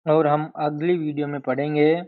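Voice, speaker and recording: A man teaching an exam-prep history lesson, speaking slowly and deliberately and repeating key terms to drill them in. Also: a little high, flat delivery. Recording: dull lo-fi sound.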